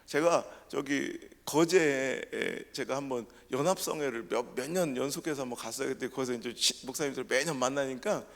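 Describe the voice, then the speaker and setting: A man's voice: medium pitch, normal speed, few pauses. A man with a Chungcheong Korean accent preaching a revival sermon, telling his testimony with humor and mimicking dialects. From South Korea. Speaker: pastor. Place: church sanctuary. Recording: reverberant church sanctuary.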